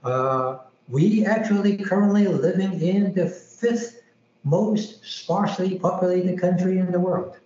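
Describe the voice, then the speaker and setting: Man, high and mellow voice, measured short answers, echoey muffled Skype call. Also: slight background noise. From Hong Kong. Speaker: guest artist. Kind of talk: interview answers.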